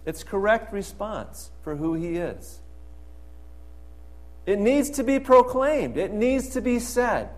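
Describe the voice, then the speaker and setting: A man's voice: high voice, expressive, slow pace. A man preaching a sermon as pastor, reading scripture and pressing repeated questions with emphasis.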